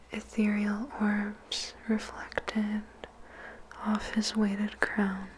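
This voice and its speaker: A woman whispers a poem in ASMR style, phrasing it deliberately with dramatic pauses. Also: mid-range voice, slight background noise, poor audio. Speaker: ASMR performer reciting a poem. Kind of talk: whispered ASMR poetry recitation.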